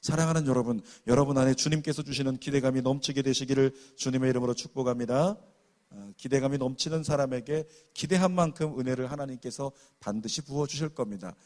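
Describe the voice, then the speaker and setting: A man's voice: mid-range voice, fast. A man preaching a sermon as pastor, earnestly telling a story and often turning to speak straight to his congregation. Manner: tells a story at length, shifting between hushed and raised passages.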